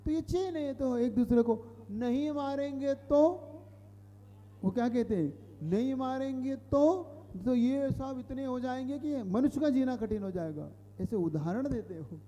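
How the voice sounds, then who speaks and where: Man, monk sermon, high voice, very dark mellow tone, long hall reverb. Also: a little slow, muffled recording. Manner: explanatory, repeats phrases and asks the audience questions. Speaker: Jain monk giving a discourse. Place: hall with a live audience.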